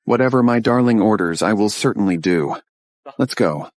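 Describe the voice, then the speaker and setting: A man's voice: on the low side, expressive, moderate pace, dry recording, close to an everyday voice. A man dubbing a smug young man posing as a CEO, fawning over his fiancée, recorded dry in a studio. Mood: smarmy. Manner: smug, smarmy. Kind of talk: English drama dub.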